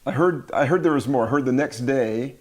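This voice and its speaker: A man's voice: medium pitch, a little fast. A man interviewing a guest in a casual way, prompting him with short reactions. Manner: friendly, prompting with short "wow" and "right".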